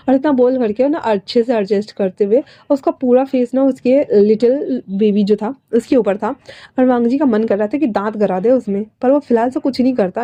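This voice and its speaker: A woman casually retelling a story, chatty and full of playful asides. Her voice is fairly high yet very mellow and warm, never sharp.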